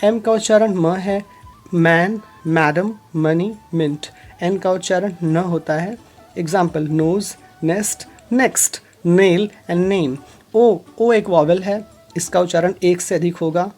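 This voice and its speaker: Slow, low-voiced woman teaching phonics. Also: a little mellow, faint music behind. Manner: slow, deliberate, reads out example words one by one. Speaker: English teacher. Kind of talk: phonics lesson explained in Hindi.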